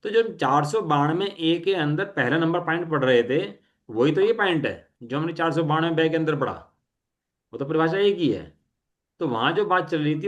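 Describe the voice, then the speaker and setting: A middle-aged man teaching a study class, reading definitions slowly and asking students to check their understanding. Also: on the high side, muffled recording.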